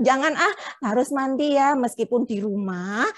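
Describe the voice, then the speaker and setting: A woman's voice: sits high, lively intonation, takes it slowly. A young woman teacher, playfully quizzing a puppet and the children in a lesson. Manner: playful, coaxing, asks children questions.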